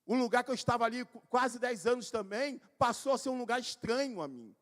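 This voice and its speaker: A male pastor with a rather high voice preaches live to his church, brisk and expressive, his words ringing with the long reverb of the hall. He shares personal stories conversationally, calls people by name, and breaks into shouted emphasis at key points.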